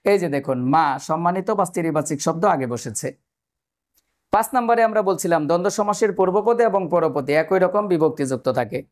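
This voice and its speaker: Male tutor, fairly high voice, methodical exam-prep explainer who quizzes viewers. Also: animated, fast talker. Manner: explains step by step, asks the viewers questions. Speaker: teacher. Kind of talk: exam-prep grammar lesson.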